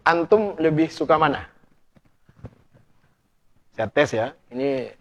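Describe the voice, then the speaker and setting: A male preacher giving a lively, playful premarital class sermon, addressing the audience directly and testing them with questions. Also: on the high side. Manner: animated, playful, acts out couple dialogue in hushed voices.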